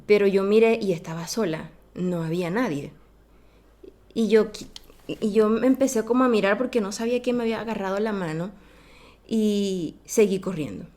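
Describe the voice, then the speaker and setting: A woman guest on a podcast, telling a childhood story in a casual, animated way and acting out the voices of the people in it. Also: medium pitch, fairly quick.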